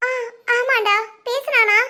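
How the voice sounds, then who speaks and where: A woman plays a hot-tempered village aunt in a comedy cartoon, her voice pitched extremely high. She scolds her nephew one moment and mutters dark schemes to herself the next. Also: fairly even intonation, slow pace, heavily acted. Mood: coaxing.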